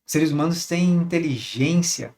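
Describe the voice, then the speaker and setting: A man's voice: fairly high pitch, a little slow, a little mellow. A man, coaching couples on communication in a casual, conversational teaching monologue full of rhetorical questions. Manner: conversational, repeats words, asks rhetorical questions. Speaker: relationship coach.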